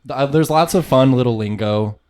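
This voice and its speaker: A man's voice: medium pitch, fairly quick, a little mellow. A man co-hosting a podcast, talking casually with dry, skeptical asides. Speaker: podcast co-host. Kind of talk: casual chat.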